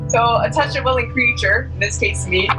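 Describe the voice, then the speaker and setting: A woman's voice: fairly high pitch, brisk, over music, rough recording. A woman player in a tabletop game, speaking in a hesitant, thoughtful way. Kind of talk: casual tabletop game play.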